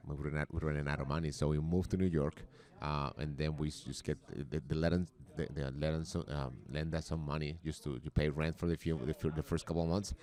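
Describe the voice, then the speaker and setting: A man's voice: very deep voice, a little mellow. A man in his forties with a Colombian accent, a podcast guest who often halts and repeats words as he talks. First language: Spanish. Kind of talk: casual interview talk.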